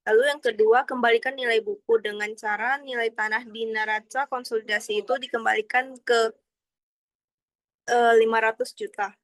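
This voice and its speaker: Partly reading slides aloud, a young woman presents accounting material in a formal, explanatory student talk. Her fairly high voice has a fairly bright tone; there's no echo, but the audio quality is poor.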